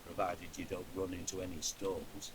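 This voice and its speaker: Man playing a gruff ship captain, low voice, brusque, grumbling, loud noise behind. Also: flat delivery, moderate pace, lightly acted. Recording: game audio with loud noise.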